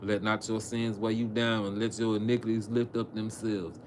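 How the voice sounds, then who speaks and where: A man reading scripture on a livestream, with casual, profane asides and halting, filler-laden commentary. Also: on the low side, flat delivery, darkish tone, slight background noise. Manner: halting, frequent fillers and restarts. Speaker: preacher on a livestream.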